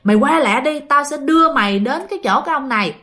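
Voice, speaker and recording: A woman's voice: fairly high pitch, lively intonation, a little fast, pushed and bright. A woman voicing a blunt, superstitious friend who urges and hurries. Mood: hurried.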